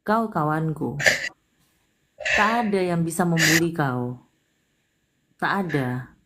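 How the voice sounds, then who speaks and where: A woman's voice: deep voice, animated, slow pace, very noisy. A woman hosting a live palm reading, talking soothingly and calling the caller dear. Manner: soothing, calls listener sayang often. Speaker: palm reader host. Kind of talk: live stream reading and consoling.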